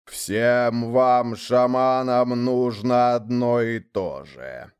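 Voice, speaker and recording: A man puts on a giant lord of the dead in a storybook tale, booming and growling with heavy, drawn-out words. His voice swings between low rumbles and loud outbursts, wrathful and scornful. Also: expressive, clear, resonant tone. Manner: thundering, growling, slow.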